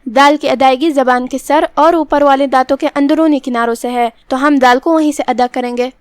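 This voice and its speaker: High-voiced woman teaching tajweed. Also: steady tone, dry recording. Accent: Pakistani Urdu. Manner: measured, instructive, stretches out recited words. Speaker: Quran recitation teacher. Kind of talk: tajweed lesson, explaining rules word by word.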